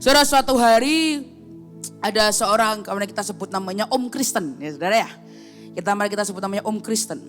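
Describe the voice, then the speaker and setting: A woman's voice: fairly quick, faint music behind. A woman evangelist, preaching a sermon as a story and acting out its characters. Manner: animated, acts out characters with big pitch jumps.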